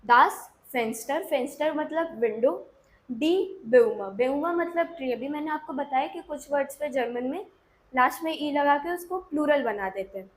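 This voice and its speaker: A woman teaching German pronunciation in an online lesson, slowing down to model each word and encouraging learners to repeat after her. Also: sits high, expressive, slight background noise, low-quality recording.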